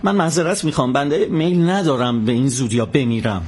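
A man's voice: mid-range voice, darkish tone, breathy edge, natural voice. An actor playing a timid young man who stammers, pleads and protests in a dubbed drama. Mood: frightened pleading. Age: young adult. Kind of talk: classic Persian dubbing.

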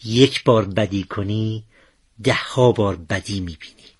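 A calm, wise father in a spoken parable, voiced by a husky-voiced man. He sounds low and soft and speaks patiently, as if teaching.

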